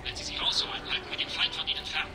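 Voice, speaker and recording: An actor playing a quarian marine commander cut off by the enemy, reporting in terse, half-whispered military talk over a crackling sci-fi radio link. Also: male voice, very fast. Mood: tense. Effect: crackly sci-fi radio transmission. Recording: very noisy, hissing radio comm.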